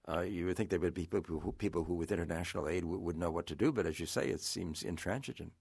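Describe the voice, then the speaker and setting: Deep gravelly radio host guy, kinda husky, stumbles over his words, dry close mic. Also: darkish tone, no echo. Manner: halting, conversational, stammering restarts. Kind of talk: radio call-in interview.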